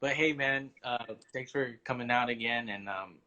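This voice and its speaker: A man with a bright, forward voice at an average pitch hosts a relaxed online interview. He talks informally, with plenty of easygoing slang. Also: normal speed, poor audio. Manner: informal, laid-back slang. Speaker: livestream interview host. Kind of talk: casual chat.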